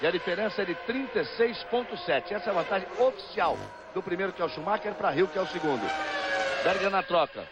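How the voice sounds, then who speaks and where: A Brazilian-accented motorsport commentator calls a race live in a high, animated, fast voice. The broadcast sounds dull and lo-fi, swamped by loud engines and trackside noise from the racing cars.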